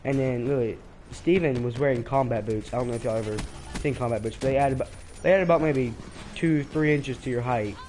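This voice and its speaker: Sick and congested, this teenage streamer talks fast over a shooter game, his casual commentary rambling and hesitant with frequent restarts. His voice is medium-pitched, a little mellow, and a faint hiss or hum sits underneath.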